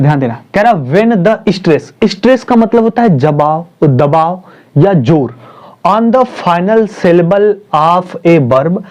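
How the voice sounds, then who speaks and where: Here a high-voiced, slightly mellow man delivers a classroom-style Hindi grammar lesson. Repeating himself, he asks and answers his own questions while slowly spelling terms and stressing syllables. The sound is dull and lo-fi.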